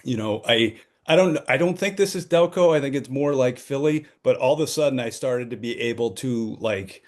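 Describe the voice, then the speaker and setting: A middle-aged man co-hosting a casual podcast, calmly moving through the topics. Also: medium pitch, moderate pace. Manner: relaxed, runs the topic list. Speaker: podcast co-host. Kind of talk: casual chat.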